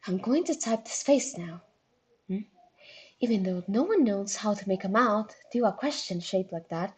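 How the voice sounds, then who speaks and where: A woman playing a refined young troll lady who speaks in a lower, measured voice. Every word is enunciated carefully, with a calm, composed poise. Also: close to an everyday voice. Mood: dry.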